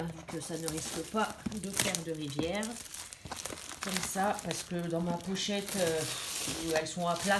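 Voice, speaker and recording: A woman talks casually through an unboxing, hesitant and chatty, full of fillers and restarts. Her voice rings in an echoey room with plain background noise. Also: on the low side. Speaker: diamond painting vlogger. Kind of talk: casual unboxing chat to camera.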